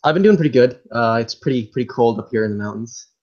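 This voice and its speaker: A man's voice: mid-range voice, fast. Chilean-born young man on a muffled call. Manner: relaxed, chatty, uses "like" often. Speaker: podcast guest. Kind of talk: casual remote podcast chat. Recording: dull lo-fi remote call audio.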